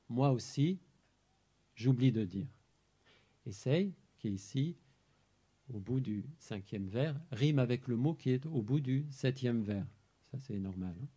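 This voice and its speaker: Husky, mellow-voiced man explaining slowly. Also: medium pitch. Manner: measured, explanatory, pausing over single words. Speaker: translator presenting his work. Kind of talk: talk on translating poetry. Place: amphitheater.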